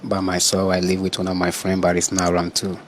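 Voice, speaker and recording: Low, flat-voiced man giving evasive answers. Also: quick pace, slight background noise. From Nigeria. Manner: hesitant, evasive, stammering answers. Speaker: interviewed suspect.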